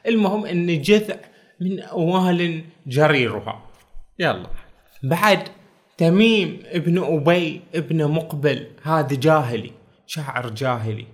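A man with a Bahraini Arabic accent talking casually through a book, reading verses slowly and adding joking asides. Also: a little high, expressive. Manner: chatty, quotes verses slowly, jokes aside. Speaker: book reviewer. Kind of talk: casual spoken book talk.

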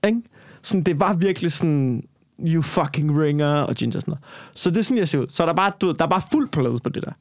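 Young man, rambling storyteller in a chat, a touch high-pitched, very dry close sound. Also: big pitch swings, no room sound. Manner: rambling, frequent restarts and fillers, swearing. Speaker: guest telling a story.

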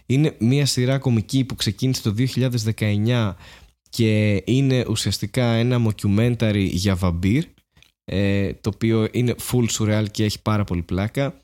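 Chatty man, casual podcast talk. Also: on the low side. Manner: rambling, animated, many fillers and restarts. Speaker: podcast co-host. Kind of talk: casual chat.

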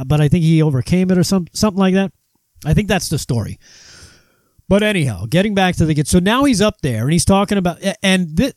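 A man talks through a political commentary monologue in a voice that sits high and swings widely in pitch. He sounds mocking and animated, tripping over his words and restarting often. The sound is dry and close, with no room around it. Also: no echo. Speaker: host.

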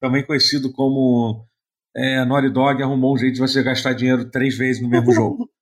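A man's voice: medium pitch, level tone, fairly quick. Tired Brazilian man chatting about games. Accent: Brazilian Portuguese. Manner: rambling, repeats words. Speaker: podcast host. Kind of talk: casual gaming chat.

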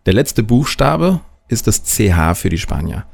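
A man explaining pronunciation in a clear, deliberate way, modelling example words as a language teacher. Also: on the low side, very animated, darkish tone. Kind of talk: scripted instructional narration.

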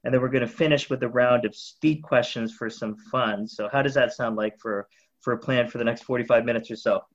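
A man's voice: mid-range voice, fairly even intonation, a little fast, lo-fi sound. Man hosting a podcast interview. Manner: hesitant, repeats words. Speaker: podcast host.

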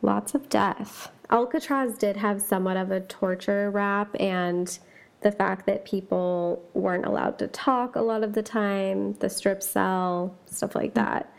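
A woman's voice: medium pitch, steady tone, measured pace, gravelly. A woman hosting a chatty podcast, talking casually with lots of fillers and asides and reading ghost stories aloud. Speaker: podcast host.

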